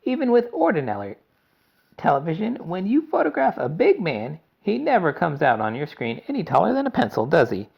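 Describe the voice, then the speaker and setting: A man reading aloud and voicing an eccentric, excitable male chocolate maker in a high theatrical voice. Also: brisk, gravelly, breathy edge, heavily acted. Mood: excited. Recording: dull lo-fi recording.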